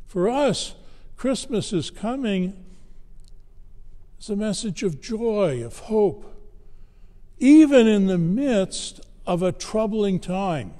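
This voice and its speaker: A man preaching a sermon, telling a story in a measured, deliberate way. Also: high-pitched, warm tone, in a large hall.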